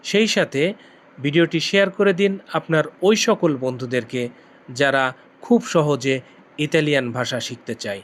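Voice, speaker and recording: A male language teacher, saying each phrase slowly and repeating it for learners. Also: on the high side. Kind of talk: slow repeat-after-me lesson.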